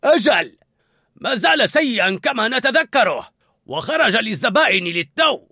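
A man voicing an impatient, gruff male chef who calls out loudly. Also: very high voice, sing-song, normal speed, no echo, clean studio sound, voice pushed up, exaggerated voice. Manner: impatient, loud.

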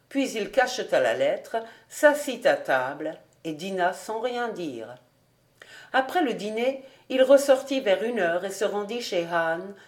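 A volunteer reader narrating a classic novel as an audiobook, in a steady, measured manner. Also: medium pitch.

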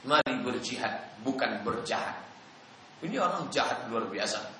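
Animated, bright-voiced male preacher. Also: mid-range voice, unhurried. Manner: animated, dramatic, acts out dialogues. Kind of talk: sermon. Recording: echoey hall, faint noise.

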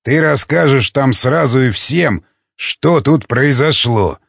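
A man's voice: medium pitch, lively intonation, slow, vocal fry, fairly bright tone, slightly rough, no echo, highs cut off, full character voice. A man voicing a brutal, enraged male hunter, a father whose daughter was kidnapped, snarling crude threats in an audiobook. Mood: menacing.

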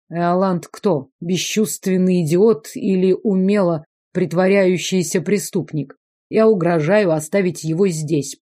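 Low-voiced woman reading a fantasy audiobook. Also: mellow. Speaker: audiobook reader. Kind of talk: scripted audiobook narration.

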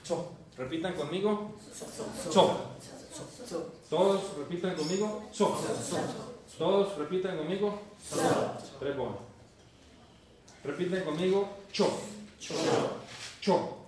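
A man from northern Mexico with a northern Mexican accent, teaching a class, joking and calling on students by name while repeating sounds slowly. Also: high voice, recorded from a distance, a crowd in the background. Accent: northern Mexican Spanish. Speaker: Esperanto teacher. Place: university classroom. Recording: very echoey classroom taped from afar.

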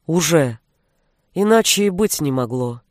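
A woman's voice: low voice, lively intonation, unhurried, dry recording, pitched below the performer's own voice. A woman doing a stern old grandfather sorcerer. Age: older. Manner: dry, commanding.

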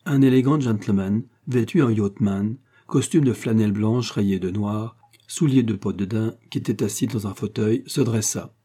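Guy reading an audiobook, steady, husky dark voice. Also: fairly low pitch. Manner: measured, steady storytelling. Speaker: narrator.

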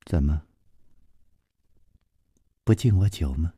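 A man voicing a coy, husky young woman. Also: deep voice, very animated, slow, dry recording, clean studio sound, voice pushed down, heavily acted. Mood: teasing. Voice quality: soft, husky and hushed, often near a whisper. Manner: teasing, coy.

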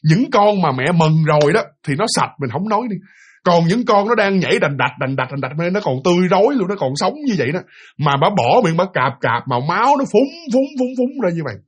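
Husky, fairly high man telling a ghost tale vividly to his listeners. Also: brisk. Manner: lively, vivid, speaks directly to listeners. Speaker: storyteller. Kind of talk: casual spoken ghost story.

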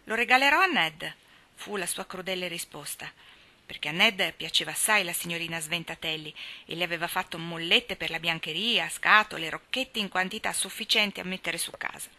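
A woman reading a classic novel aloud in a measured, expressive storytelling manner. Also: lowish voice. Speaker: reader.

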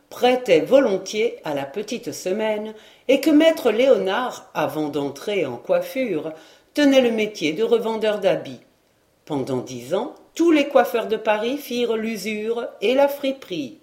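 A woman reads a classic novel aloud, measured and expressive. Her voice sits at a middle pitch. The recording has a roomy echo. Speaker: audiobook narrator. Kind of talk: scripted narration of a classic novel.

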